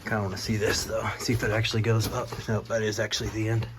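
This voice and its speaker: A young man giving casual, low-key, musing commentary as he explores underground on a handheld camera. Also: flat delivery, fast. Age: young adult. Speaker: explorer and vlogger. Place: inside a rocky underground mine tunnel. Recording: noisy handheld recording, underground ambience.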